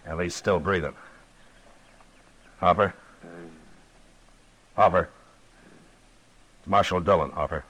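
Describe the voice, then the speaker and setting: An actor playing a calm, firm frontier marshal in a 1950s radio drama. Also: male voice, low-pitched, slow pace, long pauses, husky, heavily acted, low-quality recording. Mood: stern. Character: steady, stern frontier marshal.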